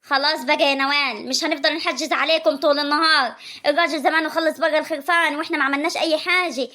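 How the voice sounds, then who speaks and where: A woman's voice: high voice, steady tone, racing, sharp tone. Woman playing a bossy rural mother-in-law. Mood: exasperated. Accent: rural Egyptian. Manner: scolding, exasperated, ordering everyone about.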